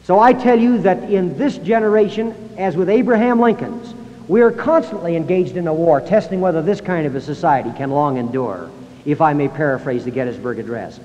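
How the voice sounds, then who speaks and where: A man giving a public speech in a high school hall, emphatic and acting out quoted voices, recorded on 1960s analog tape. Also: brisk, darkish tone, dull audio. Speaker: speaker.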